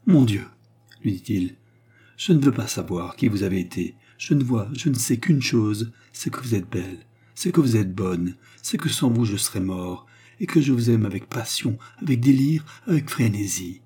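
A man's voice: lowish voice, lively intonation, normal speed, dark tone, slightly rough. A man reading the lines of a passionate young man in love, with fervent declarations. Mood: ardent. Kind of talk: audiobook character reading.

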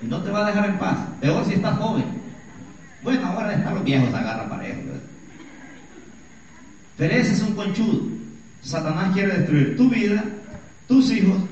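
A man's voice: a little high, a little mellow, a little hiss or hum. A middle-aged man, a pastor who preaches an emphatic sermon, telling stories and calling the congregation brothers. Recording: echoey church hall, distant dull mic.

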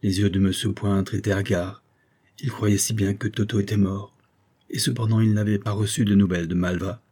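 Low husky male audiobook narrator. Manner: steady, measured storytelling. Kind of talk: audiobook narration of a classic novel.

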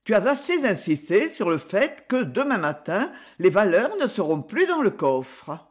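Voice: mid-range voice, sing-song, a little slow, slightly rough. A reader voicing a scheming, triumphant middle-aged mother in an audiobook, in a raised, emphatic voice. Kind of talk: audiobook character voice.

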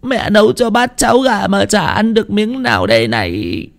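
A wailing, sobbing old village wife. The voice is pushed high and shrill, breaking into cries in a spoken horror story. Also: male voice, very animated, moderate pace, creaky, exaggerated voice. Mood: fretting.

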